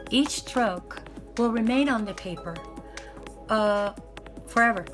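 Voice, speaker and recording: Raspy, worn-out woman rambling over music. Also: on the high side, takes it slowly. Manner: rambling, hesitant, self-correcting. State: worn out, with bronchitis. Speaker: art supply vlogger. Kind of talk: casual unboxing chat, ASMR.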